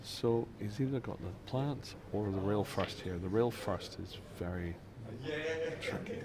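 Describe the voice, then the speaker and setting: A man from Scotland, giving measured, analytical live commentary on a pool match. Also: on the low side. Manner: measured, analytical shot-by-shot remarks. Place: busy pool venue. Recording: crowd noise in a venue. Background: crowd chatter.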